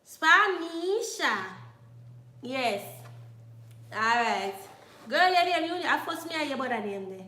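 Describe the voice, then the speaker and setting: A woman's voice: on the high side, lively intonation, normal speed, long pauses, bright, forceful tone, echoey room. A young Jamaican woman with a Jamaican accent, chatting casually to her viewers and drifting between patois and English. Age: young adult. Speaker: YouTuber.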